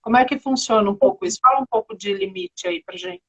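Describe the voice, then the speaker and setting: A woman's voice: high-pitched, expressive, fast talker, creaky, a bit bright, husky, highs cut off. A woman hosting an interview, chatting and inviting her guest to explain. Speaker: host. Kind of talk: casual interview talk.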